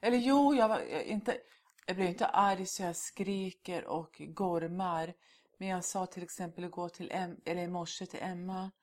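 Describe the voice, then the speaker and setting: Low-voiced woman speaking emphatically. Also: a little mellow. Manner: emphatic, drops in English words. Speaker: interviewee. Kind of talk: candid conversational interview.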